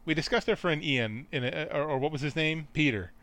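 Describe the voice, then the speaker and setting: A man's voice: a little high, fairly quick, a bit bright. A man co-hosting a podcast in casual chat, chiming in with short dry quips. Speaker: podcast co-host.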